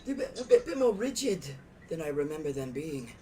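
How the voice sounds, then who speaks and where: A man voicing a friendly, inquisitive companion in a tabletop fantasy game, with measured, slightly formal speech. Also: on the high side, sing-song, mellow, recorded from a distance, slight background noise. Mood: genial, curious.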